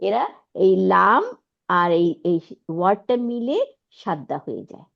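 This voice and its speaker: A woman's voice: medium pitch, expressive, normal speed, gravelly. A woman teaching Arabic grammar, explaining step by step and often asking her students whether they follow. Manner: checks understanding with frequent rhetorical questions. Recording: dull lo-fi audio.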